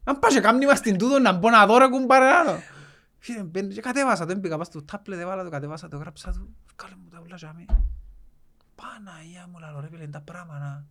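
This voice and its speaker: A man's voice: high voice, sharp tone. Easygoing Cypriot man telling stories. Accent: Cypriot Greek. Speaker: podcast co-host. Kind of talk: casual chat.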